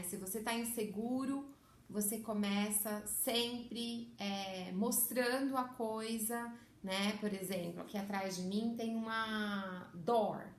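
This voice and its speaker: A woman's voice: medium pitch, echoey room, a little hiss or hum. A middle-aged Brazilian woman teaching parents in a chatty, emphatic way, often adding "né?" and switching into a sing-song voice for baby talk. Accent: Brazilian Portuguese. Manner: chatty, emphatic, frequent "né?" asides. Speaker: bilingual parenting educator. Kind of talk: casual teaching to camera.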